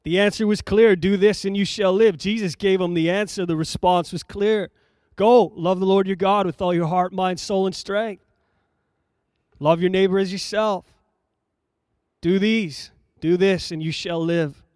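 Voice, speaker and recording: High-voiced man preaching a measured sermon. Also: darkish tone, no echo, studio quality. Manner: measured, emphatic, repeats phrases for effect. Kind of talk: sermon reading and explaining scripture.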